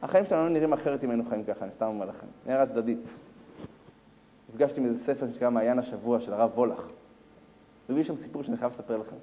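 A man who is a rabbi giving a storytelling lecture, animated and acting out the characters. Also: medium pitch, pauses often, a little hiss or hum. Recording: long hall reverb.

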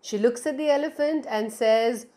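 A middle-aged woman with an Indian accent tells stories to young children in a small indoor room, speaking to them directly and expressively. Her warm voice sits on the high side at a moderate pace, picked up by a clip-on lapel mic.

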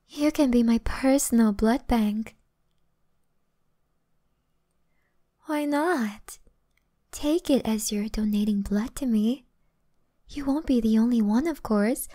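ASMR role-play: actress as seductive female vampire, gentle predator, teasing, mellow tone, unhurried delivery. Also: fairly high pitch. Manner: teasing, softly boastful, unhurried.

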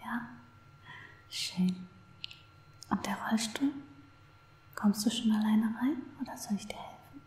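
In an ASMR roleplay, a woman plays a lovestruck, obsessive stalker, cooing tenderly to her captive in a slow, breathy whisper right up against the mic. Her pitch sits fairly high and her tone is darkish, with a reverberant sound and a doting mood.

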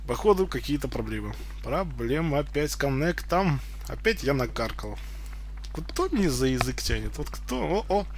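A man's voice: medium pitch, sing-song, normal speed, a little hiss or hum. A man giving casual, rambling live commentary on fighting-game matches, often repeating his phrases. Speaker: gameplay commentator. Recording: game music behind. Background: fighting game music.

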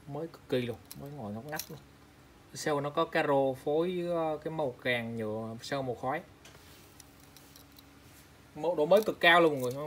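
A man from Vietnam with a slightly high voice talks casually to his viewers while showing off frames. He repeats prices and measurements often and keeps calling out to the audience. A faint room ambience sits under his voice. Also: a little hiss or hum. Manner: chatty, repeats prices and specs, calls out to viewers. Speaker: online seller of used eyeglasses. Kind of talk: casual product showcase.

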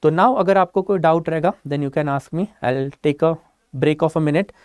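A man's voice: on the high side, slow, darkish tone, smooth, dry recording, clean studio sound. A man teaching an online exam-prep lecture, explaining step by step and often checking that students follow. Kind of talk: online lecture mixing Hindi and English.

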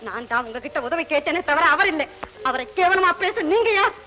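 A woman's voice: sits high, expressive, brisk, sharp tone, faint music behind. A woman playing a married daughter who pleads tearfully with her father, then proudly cuts ties, in 1960s Tamil film acting. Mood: defiant.

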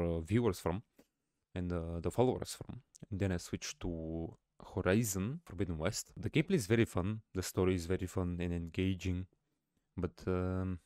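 A young adult man talking in a casual, low-key way as a streamer giving a vlog update, close on a studio mic. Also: darkish tone, no echo. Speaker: streamer and vlogger. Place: small home room, indoors. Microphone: close studio mic on a boom arm.

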